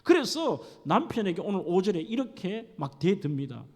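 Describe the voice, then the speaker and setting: A man's voice: high-pitched, sing-song, moderate pace, darkish tone. A middle-aged male pastor preaching a sermon with dramatic storytelling, acting out scenes. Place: church sanctuary. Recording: echoey church hall.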